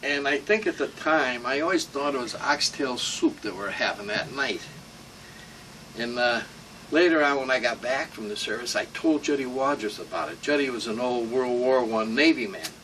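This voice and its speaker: A man's voice: medium pitch, lively intonation, normal speed, a bit bright. An elderly American man, a war veteran, remembering his service in a rambling, salty, informal interview. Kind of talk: informal oral-history reminiscence. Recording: distant mic with room hum.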